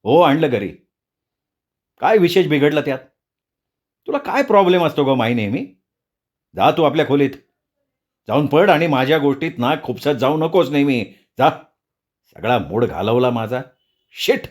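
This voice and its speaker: A man's voice: a little high, expressive, normal speed, pauses often, darkish tone. A man voicing an arrogant young adult son in a storybook, talking back rudely and dismissively. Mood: defiant. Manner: rude, dismissive.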